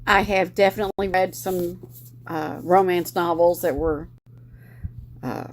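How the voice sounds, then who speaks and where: Hosting a relaxed book club chat, a middle-aged woman speaks in a fairly low, fairly even voice. She rambles, restarts sentences, and fills gaps with "uh" and "um," while a faint hiss runs beneath the recording.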